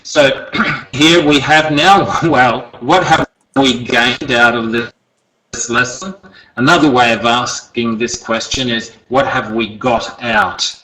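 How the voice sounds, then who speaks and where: A man teaching an online English lesson over a video call, relaxed and encouraging, often checking in with "okay?". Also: medium pitch, slow, poor audio. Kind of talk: online lesson, recapping and giving homework.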